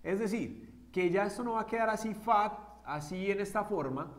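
A man's voice: high-pitched, moderate pace. A man teaching an English grammar lesson to Spanish speakers, explaining step by step and often checking with short questions. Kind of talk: classroom-style grammar lesson.

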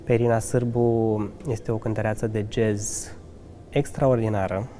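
A man's voice: lowish voice, little pitch movement, warm tone, a little hiss or hum. A man in his thirties from Romania, a restaurant manager answering interview questions earnestly, with restarts and eager asides. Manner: earnest, enthusiastic, occasional laughs and restarts. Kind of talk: conversational interview. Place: restaurant lounge with fireplace. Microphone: handheld mic held by interviewer.

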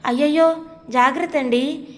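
A woman's voice: sits high, steady tone, normal speed, voice pushed up, close to an everyday voice. A woman reading an anxious young wife. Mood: fretful. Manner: fretful, tender. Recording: long hall reverb.

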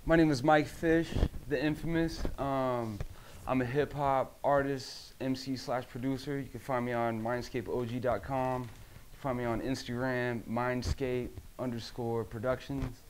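A man's voice: mid-range voice, fairly even intonation, measured pace, slight background noise, poor audio. A man introducing himself as a hip hop artist, steadily listing where to find him online. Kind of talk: self-introduction.

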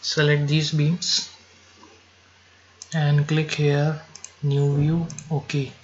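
A man giving slow, step-by-step software instructions over a screen recording, now and then correcting himself. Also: a little high, completely flat delivery, highs cut off.

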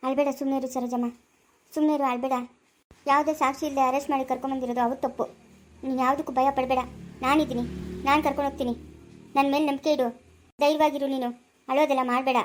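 A woman's voice: sits high, flat delivery, fast, pauses often, slight background noise, natural voice. A woman playing a bold young woman lawyer who presses hard with questions and reassures her client. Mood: reassuring. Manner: challenging, insistent questioning.

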